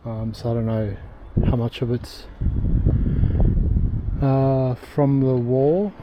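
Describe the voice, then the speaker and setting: A man's voice: mid-range voice, fairly even intonation, takes it slowly, noisy background. Breathless man vlogging on a hike. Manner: rambling, many ums and uhs. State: out of breath from hiking uphill. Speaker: travel vlogger. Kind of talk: casual walking vlog narration. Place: outdoors on a hillside trail. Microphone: handheld camera.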